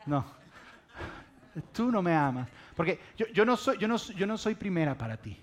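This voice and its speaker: A man's voice: big pitch swings, normal speed. A man voicing a manipulative young woman who pleads, sulks and cries out in mock alarm during a sermon retelling. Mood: sulky. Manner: pleading and sulky, bursting into shrill alarm cries. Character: wheedling, manipulative young woman, pouting and dramatic.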